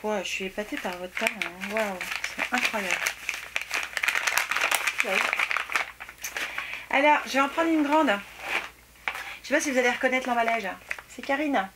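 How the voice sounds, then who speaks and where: A woman chatting casually as she opens fan mail at home, exclaiming and often dropping to soft near-whispers. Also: fairly high pitch, moderate pace, pauses often. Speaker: beauty vlogger opening fan mail. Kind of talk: casual unboxing chat. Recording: noisy home recording with clicks.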